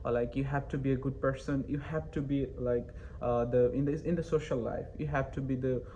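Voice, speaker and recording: A young man from Bangladesh, not a native English speaker, answers interview questions hesitantly, full of fillers and restarts. His pitch sits in the ordinary middle range for a man. A faint hiss runs under the recording. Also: fairly even intonation, fairly quick, dark tone, low-quality recording. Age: young adult. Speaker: interview guest, university student.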